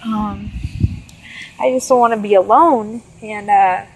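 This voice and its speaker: A woman recounting a personal memory in a soft, halting way, pausing often with "um". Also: mid-range voice, steady tone, husky. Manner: halting, soft-spoken, frequent "um" pauses. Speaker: mother recounting her son's birth. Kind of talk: personal storytelling.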